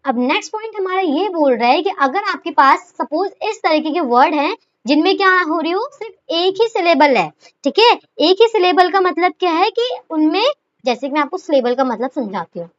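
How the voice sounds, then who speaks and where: A woman's voice: extremely high pitch, big pitch swings, normal speed. A woman teaching a shorthand lesson, asking questions and answering them herself, and calling her students fondly as children. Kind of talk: explaining a lesson. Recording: dull lo-fi recording.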